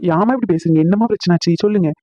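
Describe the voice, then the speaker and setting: A woman's voice: fairly low pitch, very fast, warm tone, no room sound, lightly acted. A woman voicing a meek middle-aged son, pleading and hesitant. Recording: dull lo-fi dry audio.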